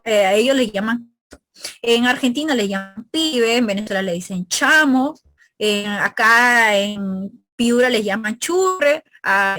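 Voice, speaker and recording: A woman's voice: on the high side, fairly bright tone, dry recording. A woman from Peru with a northern Peruvian Spanish accent, teaching a pre-university review class. She explains step by step and keeps checking in with her students. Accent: Peruvian Spanish, northern coast. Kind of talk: recorded review lecture.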